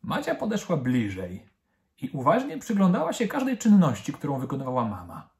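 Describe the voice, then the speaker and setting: A man reading a children's story aloud, narrating in a gentle, expressive way. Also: a little high, fairly quick.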